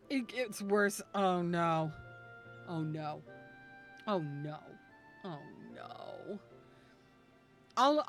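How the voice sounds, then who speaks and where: A woman's voice: high voice, a bit bright. A woman VTuber streamer chatting casually with her viewers. She is emotional and gushes in rambling sentences, often restarting them. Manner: gushing, rambling, many restarts. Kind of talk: casual live-stream chat.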